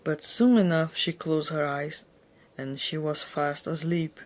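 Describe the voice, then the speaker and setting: A woman storyteller with a lowish voice and a very slow pace. She narrates a children's story with hammy, stage-like drama. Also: fairly even intonation.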